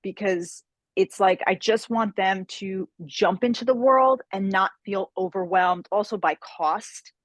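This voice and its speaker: Her mid-range voice unhurried, a woman discusses her job as a fantasy writer during a relaxed interview over video call. She comes across as chatty and excited, and the recording is dry.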